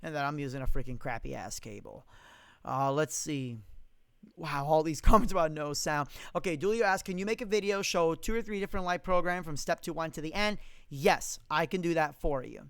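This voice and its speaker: A man's voice: on the high side, fairly quick, a bit bright, smooth, dry recording, studio quality. A young man hosting a casual live Q&A stream, reading out viewer comments and answering them bluntly, with plenty of swearing and strong opinions. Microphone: studio condenser mic.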